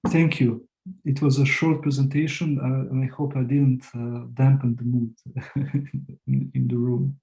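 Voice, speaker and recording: A man from Serbia presents his academic talk in a tired, halting way, stopping to restart his sentences again and again. His voice is dark and gravelly, with a flat, even pitch. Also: rough recording. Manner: halting, many restarts and fillers, low energy. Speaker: guest speaker.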